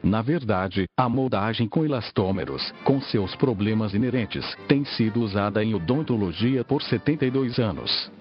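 Old-school speech synthesizer guy, brazilian accent, mechanical article reading, muffled lo-fi with music behind. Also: on the low side. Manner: mechanical, evenly read delivery. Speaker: podcast narrator. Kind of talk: scripted article narration. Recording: dull lo-fi audio, music behind.

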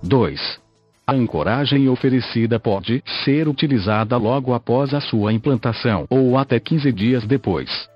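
An old speech synthesizer voice of a Brazilian man narrates a scripted podcast. The delivery is stiff and mechanical, with a husky, rough-edged tone. The audio is muffled and lo-fi, with music behind it. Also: mid-range voice. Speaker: podcast host. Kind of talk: scripted narration, reading an article aloud.

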